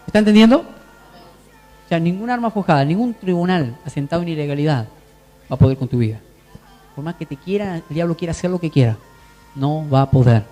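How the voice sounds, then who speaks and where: A man's voice: fairly high pitch, dark tone. A man with a Rioplatense Spanish accent preaching a sermon in church, calling out to the congregation for amens and agreement. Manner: call-and-response preaching, asks the congregation for amens. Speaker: pastor. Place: church hall. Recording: long hall reverb, faint music.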